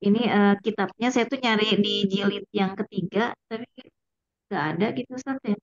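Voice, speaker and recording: A woman's voice: medium pitch, moderate pace, no echo. A woman, a student politely asking her teacher questions in an online class, her voice breaking up over the call connection. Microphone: online call audio. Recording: dull dry lo-fi call line.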